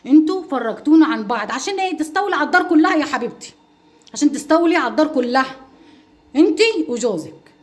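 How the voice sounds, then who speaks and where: A middle-aged woman speaks in a livestream reply to her critics. Her voice is high and her talk rushes along. She pleads and presses each point, repeating herself for emphasis. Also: lively intonation. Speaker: mother and home-cooking vlogger.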